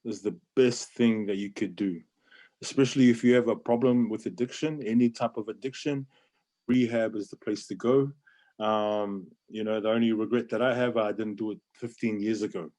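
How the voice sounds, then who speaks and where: A man's voice: lowish voice, steady tone, normal speed, darkish tone. A man in his late forties with a New Zealand accent, chatting candidly and earnestly as a podcast guest, often repeating phrases for emphasis and saying "bro". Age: late 40s. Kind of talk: casual, candid personal chat.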